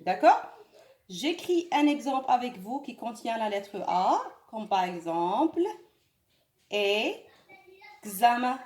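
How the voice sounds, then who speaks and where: Echoey, slow-spoken woman teaching French. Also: on the high side, darkish tone. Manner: slow, drawn-out French, quick Arabic explanations; repeats words and asks "d'accord?" often. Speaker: French teacher for young pupils. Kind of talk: bilingual lesson at a whiteboard. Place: room with a whiteboard. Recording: echoey room.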